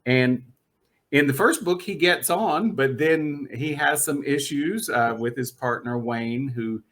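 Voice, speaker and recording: His mid-range voice is a bit bright and takes things slowly. He's a podcast host in a casual interview, chatting eagerly about books with a guest and laughing often.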